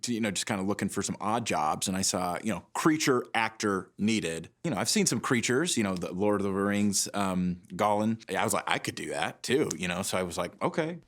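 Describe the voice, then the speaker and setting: A man on his first film, talking excitedly and ramblingly about landing the role. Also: lowish voice, a little fast, few pauses. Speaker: actor. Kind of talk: casual interview chat.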